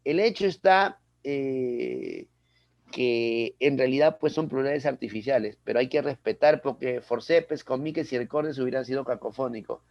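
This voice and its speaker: A man's voice: mid-range voice, normal speed, vocal fry, no echo. A man teaching a grammar lesson to a class, explaining step by step and often checking with questions like "right?". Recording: dry, dull lo-fi sound.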